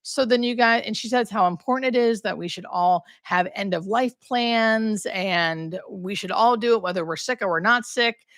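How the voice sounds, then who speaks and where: A woman's voice: mid-range voice, moderate pace, hardly any pauses, fairly bright tone, no room sound, clean studio sound. A woman talking candidly and conversationally as a hospice nurse hosting a casual livestream, thinking aloud as she answers questions.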